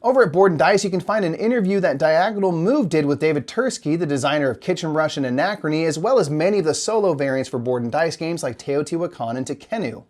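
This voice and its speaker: Parody news anchor, mid-range pitch, co-hosting scripted comedic news. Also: animated, fast talker, hardly any pauses, a little mellow. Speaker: co-host of a satirical board game news show.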